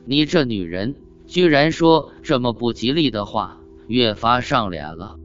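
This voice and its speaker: Short-tempered scholar official in a storybook tale, read by a male narrator. Slow, scolding delivery over dull lo-fi sound. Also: mid-range voice, animated, smooth, lightly acted. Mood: irritated. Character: irritable middle-aged male scholar official. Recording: dull lo-fi audio with faint guitar.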